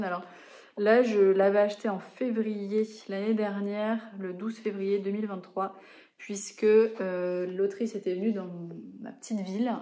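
A woman's voice: medium pitch, mellow. A woman in her thirties chatting casually to camera about books in a digressive, self-correcting way, recorded indoors in a living room. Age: 30s. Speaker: book vlogger.

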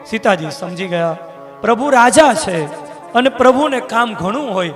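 Brief: a male devotional storyteller, very high voice, emotive declamation, recorded on a stage microphone in a long echoing hall. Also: animated, normal speed, a bit bright. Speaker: religious storyteller. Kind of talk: devotional scripture recitation. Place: religious gathering hall, live event. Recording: reverberant hall, faint guitar behind.

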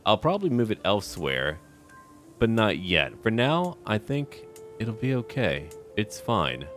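Over background music, a gaming video host with a fairly low, sing-song voice narrates a strategy game roleplay at a measured pace. His delivery is theatrical and in character, mixing scripted story narration with game commentary.

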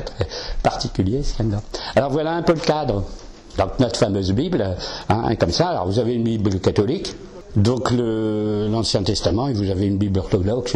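Guy giving a casual talk to a room, slightly low voice, lots of "hein" and "euh". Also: darkish tone. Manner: chatty, explanatory, frequent "hein" and "euh". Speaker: lecturer. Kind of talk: informal lecture to a live audience.

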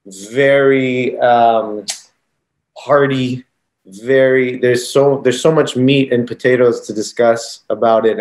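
An American podcast host with a medium-pitched, darkish voice asks his interview guest a long, rambling question packed with ums.

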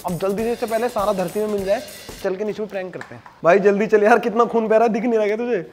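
A man's voice: sits high, steady tone, racing, a little mellow, soft background music. A young man casually narrating his prank vlog in a joking, playful, self-mocking way. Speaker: prank vlogger.

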